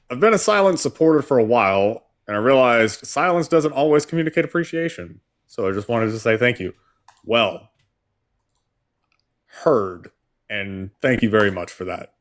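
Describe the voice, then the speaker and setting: A man's voice: on the low side, expressive, moderate pace. A man in his thirties co-hosting a live stream, reading supporter messages aloud in an easy way. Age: 30s. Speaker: co-host.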